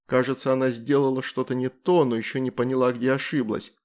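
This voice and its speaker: A man narrating a fantasy storybook in an even, measured way. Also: mid-range voice. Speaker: audiobook narrator.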